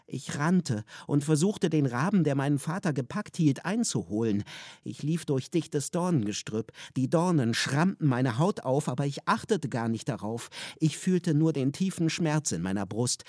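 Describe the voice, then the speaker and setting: A man reading a children's story aloud in a calm, even storytelling manner. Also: fairly high pitch, moderate pace, no echo, studio quality. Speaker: narrator.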